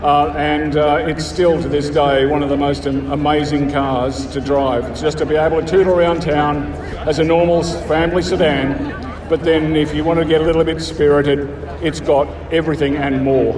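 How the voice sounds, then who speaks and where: Outdoors at a motor show, an Australian man from the countryside, a car club member, answers casual interview questions in a halting yet eager way. His voice sits a little high with little pitch movement, heard distantly over an echoey PA amid a chattering crowd.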